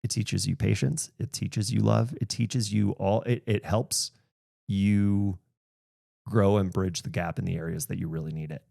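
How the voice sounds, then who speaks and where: A man's voice: fairly low pitch, steady tone, a little slow, creaky, dark tone, no room sound, clean studio sound. A man in his thirties, a podcast host talking candidly in casual conversation and laughing often.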